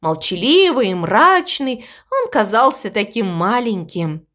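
A woman narrating a children's storybook aloud, expressive and unhurried. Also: medium pitch.

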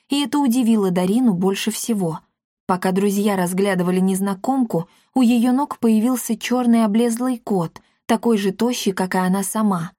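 A woman narrating an audiobook in a measured storytelling manner. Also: mid-range voice, warm tone, dry recording, clean studio sound. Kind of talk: scripted narration.

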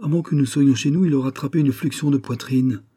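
A man's voice: medium pitch, fast, warm tone, husky, voice pushed up, natural voice. A man voicing an anxious mother who laments with a sobbing tone. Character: worried mother, tearful and anxious.

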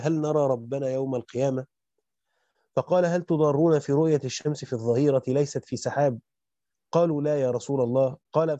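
Guy speed-reading a quran commentary, mellow dark voice, dull lo-fi sound. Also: medium pitch, no room sound. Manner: fast and even, with quick self-corrections. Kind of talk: rapid scholarly reading aloud. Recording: dull lo-fi dry recording.

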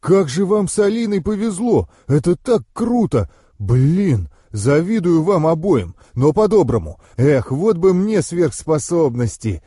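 A man voicing a cheerful, excitable young man in an audiobook, talking eagerly and teasing his friends. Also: a little high, normal speed, dry recording, studio quality, voice pushed up. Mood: excited.

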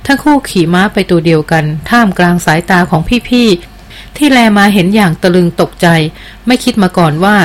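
A woman narrating an adventure novel aloud in a steady storytelling delivery. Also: fairly low pitch, moderate pace. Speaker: audiobook narrator.

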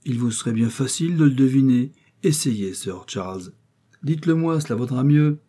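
A man voicing a nervous, candid young gentleman in a storybook reading. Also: medium pitch, animated, normal speed, voice pushed up, natural voice. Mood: earnest.

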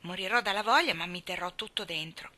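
A woman's voice: on the low side, a little fast, pushed and bright. A woman voicing a thoughtful, anxious young schoolboy in an audiobook reading. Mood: earnest. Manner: solemn, anxious, talks like a grown-up.

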